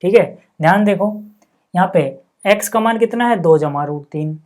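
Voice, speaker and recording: A man teaching maths in a steady, patient way, breaking each calculation into small steps. He keeps asking the class what comes next and then answers himself. He often pauses to check in before moving on. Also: high voice. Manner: patient, asks the class rhetorical questions then answers them; frequent checking-in with "okay" and "see". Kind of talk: step-by-step blackboard-style maths lesson.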